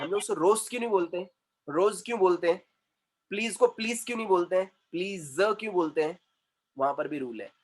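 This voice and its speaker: Man, high voice, emphatic pronunciation trainer, repeats words, classroom lesson, mixes Hindi and English. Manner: switches between Hindi and English mid-sentence.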